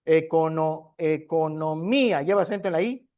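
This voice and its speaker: In a sermon-style discipleship class, a male preacher with a fairly high voice keeps posing rhetorical questions to the congregation and then answering them himself. His intonation is lively, his pace moderate, and the highs are cut off.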